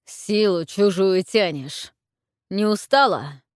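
A woman voicing a stern, menacing male warlord who speaks harshly and slowly. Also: medium pitch, no room sound, clean studio sound, natural voice. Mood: seething. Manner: harsh, growling, slow pressing speech.

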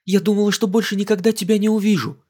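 A playful young woman who teases and mocks warmly, as a male narrator puts her on. The voice sits well above his own and jumps around brightly in a storybook reading. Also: fairly high pitch, animated, normal speed, slightly rough, voice pushed up. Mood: teasing. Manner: playful, mocking, warm. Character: lively teasing young English woman.

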